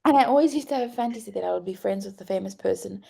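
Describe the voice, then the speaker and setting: Brief: female podcast co-host, warm gravelly tone, animated casual chat. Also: mid-range voice, racing. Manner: chatty, animated, laughs often.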